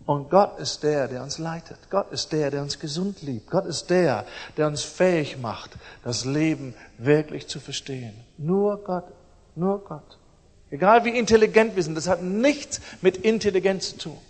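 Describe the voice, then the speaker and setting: A middle-aged man preaching a sermon, emphatic and repeating his phrases, swinging between loud outbursts and soft asides. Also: on the high side, normal speed. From East Germany. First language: German. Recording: long hall reverb.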